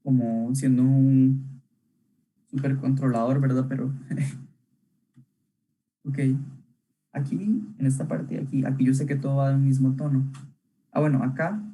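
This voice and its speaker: A man's voice: mid-range voice, steady tone, unhurried, long pauses, warm tone, breathy edge, rough recording. A young man teaching an online illustration workshop, talking casually while he draws, with many fillers and checking questions. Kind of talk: live online drawing lesson.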